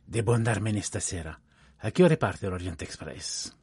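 A man voicing a fastidious Belgian detective who speaks in a measured way and drops in French words. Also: low voice, lively intonation, darkish tone, breathy edge, no room sound, full character voice. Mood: polite. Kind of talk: audiobook character voice.

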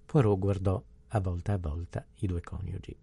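A man narrating a novel in a steady, even literary reading. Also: low-pitched, normal speed, creaky, slightly rough, no echo. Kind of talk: scripted audiobook narration.

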